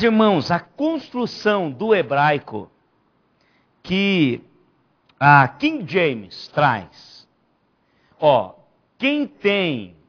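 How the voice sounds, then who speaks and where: A man, a pastor, teaching a Bible study and stressing key phrases by repeating them. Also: high-pitched. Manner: emphatic preacher, repeats key phrases, rising to near shouts. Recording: dull lo-fi church recording.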